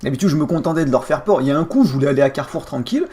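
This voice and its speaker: A man's voice: fairly high pitch, expressive, very fast, dark tone. A young man from France streaming live, telling a heated story in crude street slang. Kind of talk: casual live-stream rant.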